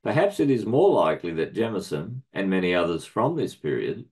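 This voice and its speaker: A middle-aged man reading a prepared academic paper aloud in a measured, formal way, marking each citation with quote and end quote. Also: low-pitched, big pitch swings, darkish tone. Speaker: research centre director presenting a paper.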